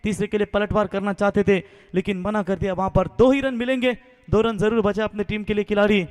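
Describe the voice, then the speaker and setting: A high-voiced man with a Maharashtrian Indian accent delivers excited live cricket commentary. His calls rise sharply on big shots. The sound carries a long, hall-like reverb, as if through a public-address system. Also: fairly quick, smooth.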